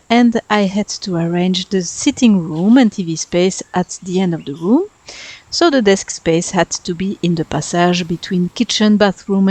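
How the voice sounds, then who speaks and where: A slightly mellow mid-range voice, recorded without echo, belongs to a native French speaker in her thirties. As a Sims speedbuild YouTuber with a French accent, she narrates a game build in voice-over, talkative and self-deprecating.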